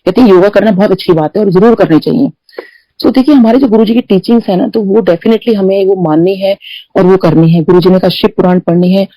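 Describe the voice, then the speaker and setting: Middle-aged woman, warm satsang storyteller. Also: medium pitch, fairly quick, no room sound, rough recording. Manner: mixes Hindi with English phrases, many "you know" fillers; storytelling that acts out quoted dialogue. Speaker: devotee sharing personal testimony. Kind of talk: conversational satsang testimony.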